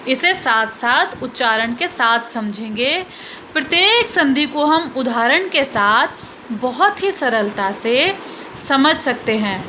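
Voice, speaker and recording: A woman's voice: high-pitched, lively intonation, slow pace, bright, forceful tone, slight background noise. A woman teacher giving a grammar lesson to children, carefully spelling out each sound and repeating every example.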